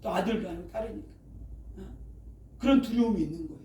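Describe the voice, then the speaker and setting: A man's voice: sits high, quick pace, warm tone, muffled recording. A middle-aged male pastor preaching a sermon, constantly prompting the congregation with "eh?" and "right?". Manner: frequent rhetorical "어?" and "예?" prompts to the congregation. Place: church sanctuary. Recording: echoey room, mic at a distance, faint ambience.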